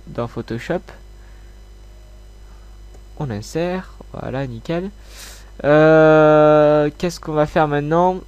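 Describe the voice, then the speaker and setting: A man with a stuffed-up nose from a slight cold, hosting a software tutorial in an informal, hesitant way. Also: a little high, smooth, dry recording. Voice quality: congested, blocked-nose sound. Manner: informal, hesitant, mildly sweary. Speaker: tutorial host.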